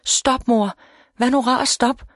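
A woman's voice: a little high, steady tone, no room sound, clean studio sound, voice pushed up, natural voice. A woman reading an audiobook, voicing a frightened, grieving teenage girl who cries out in pleading sobs. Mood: desperate pleading.

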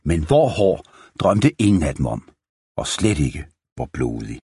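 A man narrating a children's western story in a calm, steady reading voice. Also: a bass voice, husky, dry recording, studio quality.

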